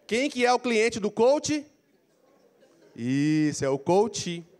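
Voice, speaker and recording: A middle-aged Brazilian man with a handheld mic, giving an animated career coaching lecture in a large auditorium, prompting the audience to repeat phrases. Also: sits high, slow pace. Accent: Brazilian Portuguese. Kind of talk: lively motivational lecture. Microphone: handheld mic, walking the floor.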